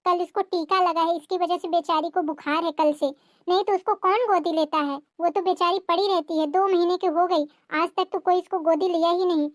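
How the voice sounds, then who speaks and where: A woman's voice: very high-pitched, steady tone, a little fast, no room sound, studio quality. A woman voicing a weary young mother and daughter-in-law who pleads and explains in a cartoon family drama. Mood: pleading.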